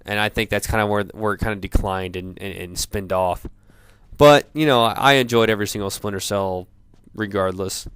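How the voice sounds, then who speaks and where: A man in a profane off-the-cuff gamer rant, sounding drunk, rambling haltingly and repeating himself. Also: fairly low pitch, fairly bright tone, clear, resonant tone, no echo. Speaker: gamer ranting about video games.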